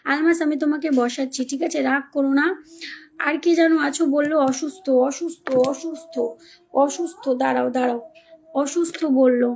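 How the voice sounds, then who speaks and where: A woman's voice: high-pitched, fairly even intonation, normal speed, a little mellow, a little hiss or hum. A woman hosting a casual live stream, reading out viewer comments and coaxing viewers in a pleading, repetitive way. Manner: pleading, coaxing viewers, repeats names and phrases.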